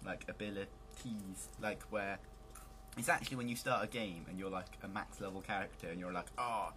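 A man's voice: low voice, fairly even intonation, brisk, a bit bright, a little hiss or hum. A man hosting a let's play, giving casual, joking commentary on a video game.

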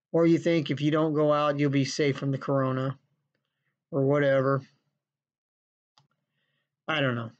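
Man ranting profanely in a basement, lo-fi. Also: a little high. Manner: profane, sarcastic, scolding. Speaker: vlogger. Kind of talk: ranting vlog monologue. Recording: dull lo-fi recording.

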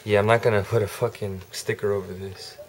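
A man's voice: lowish voice, level tone, brisk. A man in a casual how-to vlog, laid-back, swearing casually and thinking aloud as he works. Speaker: vlogger. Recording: noisy home recording.

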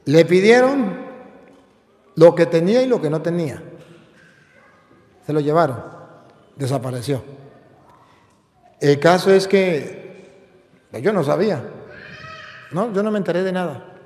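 High-voiced preaching priest, echoey hall. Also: male voice, animated, a little slow, pauses often, a little mellow. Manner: emphatic preaching with repeated phrases. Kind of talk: fiery sermon. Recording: echoey hall with long reverb.

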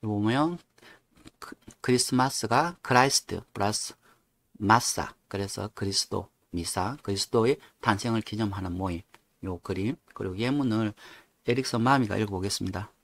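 A man teaching English word origins, explaining them in a plain, unhurried way with frequent fillers. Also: lowish voice, a bit bright. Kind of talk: explaining vocabulary in Korean.

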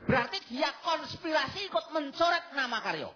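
A man voicing an indignant, hot-tempered poor village man in a live puppet comedy, shouting his complaints in a whiny tone with a Javanese accent. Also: very high voice, animated, a little fast, full character voice. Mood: angry. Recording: slightly dull live stage recording, crowd. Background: audience crowd.

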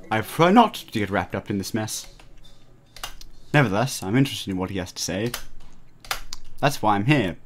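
Over video game music, a young man with a mid-range, fairly bright voice plays a visual novel as a let's player, reading its text aloud. He stumbles through the lines, adds joking asides, and often breaks into laughter.

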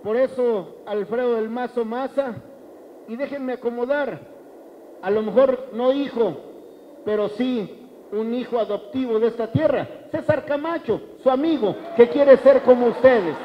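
High-voiced Mexican man giving a rally speech. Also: measured pace, muffled recording, a little hiss or hum. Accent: Mexican Spanish. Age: middle-aged. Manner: emphatic, rhetorical, repeats phrases. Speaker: politician. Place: large open-sided banquet hall. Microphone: handheld mic.

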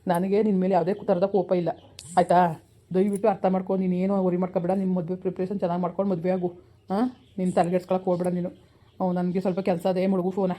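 A woman doing a stern young village guy, rural kannada accent, rattles it off fast, dark mellow voice. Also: lowish voice, level tone, close to an everyday voice. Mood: cold. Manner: curt, dismissive, repeats his refusal. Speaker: actor in a village skit. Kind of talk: village skit acting.

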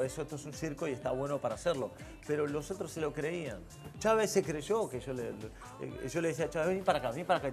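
A man from Argentina with a mixed Argentine and Spanish accent, chatting frankly and casually as a talk show guest. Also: on the high side. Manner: relaxed, frank, laughs at himself. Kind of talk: casual chat.

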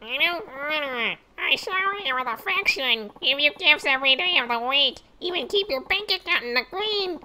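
A woman's voice: sits high, animated, normal speed, bright, forceful tone, voice pushed up, full character voice. A woman voicing a clingy rejected suitor in a game, whining and pleading. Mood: whiny. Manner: whiny, pleading.

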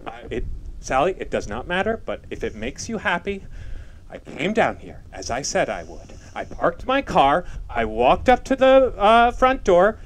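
A man's voice: high voice, huge pitch swings, measured pace, a little hiss or hum, exaggerated voice. A man acting in a stage play as a talkative, ironic suitor who rambles and interrupts himself. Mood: wry. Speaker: stage actor.

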